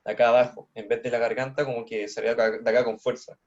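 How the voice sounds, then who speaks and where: A man's voice: medium pitch, flat delivery, racing, a little mellow. A man taking part in a workshop, sharing a memory in a tentative, conversational way. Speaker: workshop participant. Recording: dull lo-fi audio.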